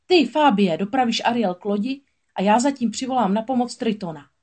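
A woman's voice: a little high, a little mellow, pitched above the performer's own voice, natural voice. A woman voicing a male crab who gives urgent commands. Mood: commanding.

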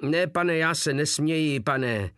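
A man voicing a frightened soldier who rattles off hurried, stiffly formal replies, in an audiobook reading. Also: on the high side, fairly bright tone, smooth, no room sound, studio quality, voice pushed up, lightly acted. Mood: nervous. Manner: hurried, nervous military replies.

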